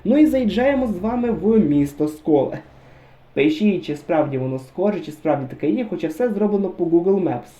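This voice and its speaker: A man's voice: high voice, animated, brisk, mellow. A man giving casual, chatty commentary over a driving game, musing aloud and talking straight to his viewers. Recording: roomy echo.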